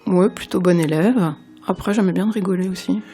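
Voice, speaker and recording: A female interview guest with a gravelly, creaky edge. She chats informally in short, simple answers. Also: fairly low pitch, brisk, mellow. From Belgium. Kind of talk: casual interview conversation.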